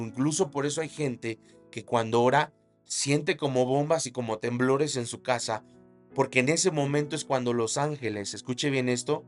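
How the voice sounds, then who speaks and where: A male pastor preaching a sermon, telling a story with dramatic emphasis and shouted sound effects. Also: mid-range voice.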